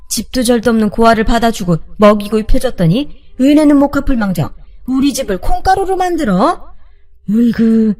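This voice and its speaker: A woman voicing a raging old father-in-law. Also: on the high side. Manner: shouting insults, blustering. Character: furious old father-in-law, bullying patriarch.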